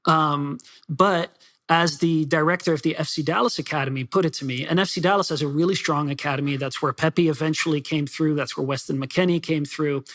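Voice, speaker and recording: Quick, chatty soccer writer, a man. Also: on the high side, steady tone, fairly bright tone. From Netherlands and Belgium. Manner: fast, chatty, with many fillers and restarts. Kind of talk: podcast interview.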